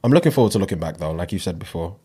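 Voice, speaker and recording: A laid-back young man speaks in a lowish voice. He drops plenty of slang and hums agreement as he chats on a podcast co-host. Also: expressive, very fast, warm tone, husky. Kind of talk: casual chat.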